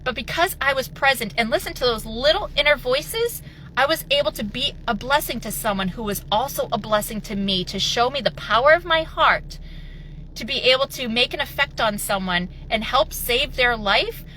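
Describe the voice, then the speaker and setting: A woman, a mother, telling a personal story as an inspirational talk, earnest and animated, acting out the voices she quotes. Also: fairly high pitch, moderate pace, slight background noise, low-quality recording. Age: adult with children. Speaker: motivational speaker.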